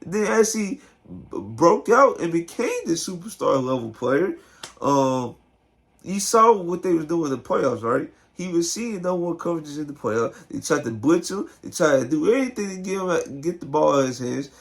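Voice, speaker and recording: A man with a hoarse, partly lost voice giving casual, slangy sports commentary straight to his viewers. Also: fairly high pitch, lively intonation, normal speed. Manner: informal, slangy, talks directly to viewers. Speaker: sports video host. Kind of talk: casual basketball commentary to camera.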